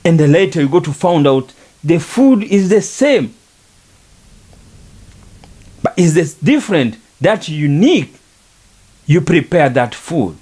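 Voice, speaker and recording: A man's voice: a little high, big pitch swings, slow, pauses often, mellow. A middle-aged man, speaking on a podcast in an earnest, repetitive, preaching manner about faith and culture. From Rwanda. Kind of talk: reflective monologue on faith and culture.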